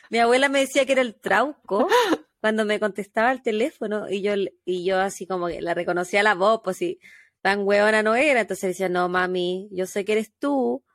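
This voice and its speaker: A woman's voice: medium pitch, brisk, a bit bright, dry recording, clean studio sound. A woman with a Chilean accent, co-hosting a podcast, teasing and laughing in slangy casual chat. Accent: Chilean Spanish. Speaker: podcast co-host.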